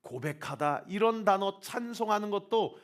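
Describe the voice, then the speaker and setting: A man preaching a sermon in a voice pitched a little above most men's. He talks with earnest, pleading warmth and keeps putting questions to his congregation. He drops to a hush for quoted words and swells high and loud when he urges his listeners on. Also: expressive, normal speed. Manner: rises loud and high in exhortation, drops soft when quoting Jesus. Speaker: pastor.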